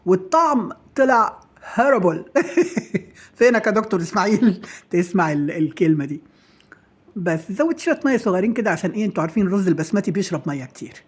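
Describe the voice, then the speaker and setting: Middle-aged Egyptian woman, home-cooking vlog host, husky, rapid and playful patter. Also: lowish voice, expressive, a little mellow. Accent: Egyptian Arabic. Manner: chatty, self-praising and playful, trailing off with fillers. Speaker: home cook and channel host. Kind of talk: casual cooking chat to followers.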